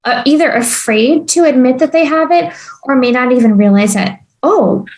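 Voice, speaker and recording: A woman's voice: high voice, expressive, normal speed, darkish tone, low-quality recording. A woman hosting a podcast, speaking in an earnest, easygoing conversational way. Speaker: podcast host. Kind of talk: casual conversational interview.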